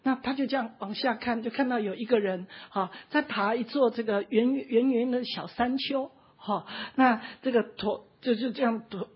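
A woman preacher tells her story in a high, very husky, breathy voice. She preaches with passion and often sounds near tears. The recording is dull and lo-fi. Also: moderate pace, few pauses. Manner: impassioned, often near tears, frequent "ha" tag particles. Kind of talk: emotional sermon storytelling.

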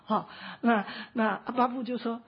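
A woman's voice: a little high, fairly even intonation, moderate pace, husky. A woman, preaching an emotional sermon, impassioned and often close to tears, dotting her sentences with little "ha" tags. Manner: impassioned, often near tears, frequent "ha" tag particles. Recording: dull lo-fi recording.

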